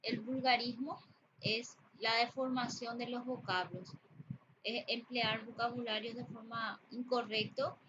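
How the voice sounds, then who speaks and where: A woman teacher giving a spoken lesson on grammar and usage, explaining slowly with pauses and fillers. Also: fairly high pitch. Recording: dull lo-fi audio with background noise.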